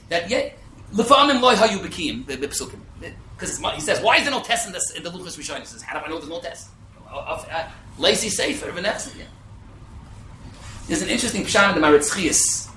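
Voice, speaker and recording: A man's voice: sits high, pushed and bright. A man giving an informal religious lesson as a teacher, asking rhetorical questions and answering them, mixing with Hebrew terms. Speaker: Torah class teacher, rabbi. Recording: echoey room with faint noise.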